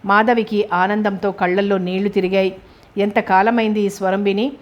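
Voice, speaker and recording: A woman narrating a novel as an audiobook in a steady storytelling manner. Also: medium pitch, normal speed, lo-fi sound. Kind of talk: scripted narration.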